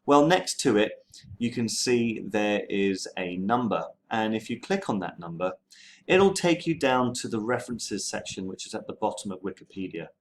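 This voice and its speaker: A history teacher talks students through a screen-share tutorial with a lowish male voice. He keeps it relaxed and conversational, dropping in plenty of ums and okays as he goes. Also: normal speed, slight background noise.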